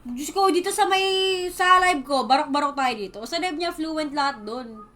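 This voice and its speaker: A woman's voice: sits high, lively intonation, normal speed, pushed and bright. A woman from the Philippines with a Filipino accent, hosting a casual livestream, chatty and reading viewers' comments aloud and answering them. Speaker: livestream host.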